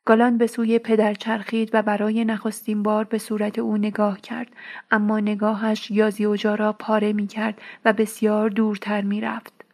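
A woman reading a novel aloud as an audiobook narrator, measured and steady. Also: medium pitch.

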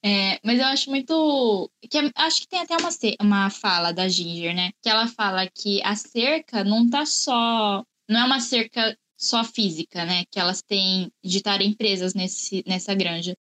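A woman's voice: mid-range voice, moderate pace, hardly any pauses, fairly bright tone, slight background noise. A woman in a casual film discussion, chatty and explaining at length.

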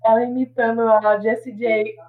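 A woman's voice: fairly high pitch, flat delivery, moderate pace. A woman co-hosting a casual podcast chat, blunt and jokey, swearing now and then. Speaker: podcast co-host. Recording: dull lo-fi podcast audio.

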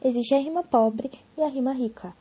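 A woman casually explaining poetry in a spoken lesson, correcting herself and slowing down to stress example words. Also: high voice, dark tone, husky.

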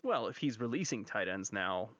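A man's voice: fairly low pitch, lively intonation, normal speed, fairly bright tone, dry recording. A man co-hosting a casual sports chat who hesitates and restarts his sentences often. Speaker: podcast co-host. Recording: dry, dull lo-fi audio.

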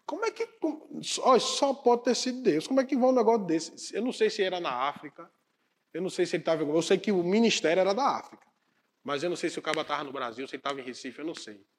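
Animated male preacher, higher voice, storytelling sermon, acts out the dialogue. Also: quick pace.

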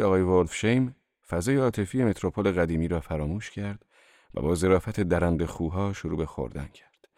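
A man narrating a novel as an audiobook in a steady, measured reading. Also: low voice, no room sound, clean studio sound.

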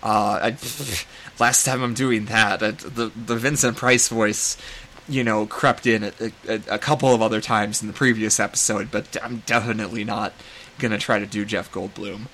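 A man's voice: on the low side, fairly even intonation, normal speed, sharp tone, slight background noise. Rambling man recapping a movie. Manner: rambling, digressive, self-deprecating. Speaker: podcast host. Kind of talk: casual movie recap podcast.

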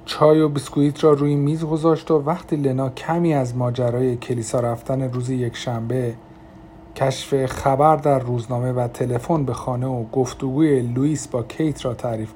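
A man narrating an audiobook in a calm, measured reading voice. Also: mid-range voice, a little hiss or hum. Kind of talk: scripted narration.

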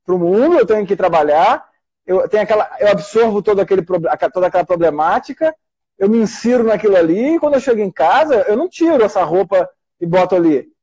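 A man's voice: sits high, expressive, quick pace, warm tone, slightly rough, highs cut off. A middle-aged Brazilian man, a doctor and teacher hosting a casual live talk, rambling with many restarts. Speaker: host.

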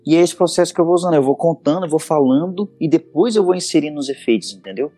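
A man's voice: a little high, fast talker. A Brazilian man, a podcast guest, chatting casually and acting out little scenes as he explains his audio work. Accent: Brazilian Portuguese. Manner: animated storyteller acting out scenes.

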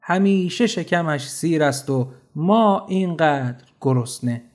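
A man's voice: on the high side, lively intonation, close to an everyday voice. A man voicing a grieving poor widow. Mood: lamenting. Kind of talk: storybook narration.

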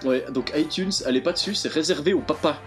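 A man's voice: fairly high pitch, a little fast, music in the background. A young man, co-hosting a podcast and leading segments in a teasing casual chat. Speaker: podcast co-host.

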